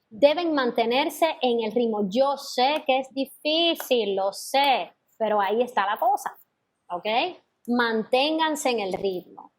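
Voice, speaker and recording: A woman teaching a singing class, explaining patiently and singing sample notes and scat syllables. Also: on the high side. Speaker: vocal teacher. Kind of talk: online class feedback to students.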